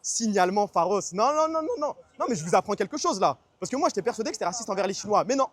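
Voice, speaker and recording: Casual male streamer voice, rapid slangy chat, a bit high, dry sound. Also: lively intonation, dry recording. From France. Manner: fast, slangy, chatty, answers chat.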